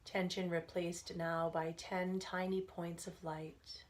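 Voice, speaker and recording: This woman guides a relaxation exercise as a meditation instructor, her lowish voice showing little movement in pitch. Her pace is unhurried and her manner soft and soothing, with pauses along the way.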